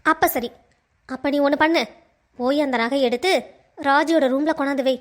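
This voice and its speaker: A woman voicing a spiteful, bossy young schemer in a cartoon, sneering and plotting in hushed tones. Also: high voice, steady tone, normal speed, lightly acted. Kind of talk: cartoon voice acting.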